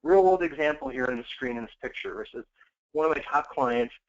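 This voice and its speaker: A man giving an energetic sales training talk, coaching listeners and acting out customer conversations. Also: mid-range voice, brisk. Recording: dull lo-fi call audio.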